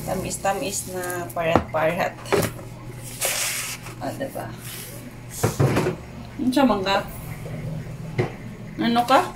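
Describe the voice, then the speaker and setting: A woman's voice: slow pace, long pauses, heavy background noise. A woman chatting casually through a home cooking vlog, mixing in English words. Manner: chatty, mixing Cebuano and English, soothing a crying baby in high sing-song. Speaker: vlogger.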